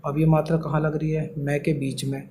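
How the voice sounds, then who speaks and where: Man, shorthand teacher, patient step-by-step lesson, asks and answers himself, slightly high voice, faint background noise. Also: little pitch movement, a little fast, dark tone, poor audio. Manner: explains patiently, asks and answers his own questions.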